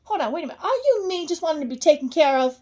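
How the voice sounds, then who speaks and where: Woman, fairly high voice, rambling monologue, blunt, profane, murmurs then scolds. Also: big pitch swings, racing. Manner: swings between low murmurs and loud scolding. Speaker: vlogger.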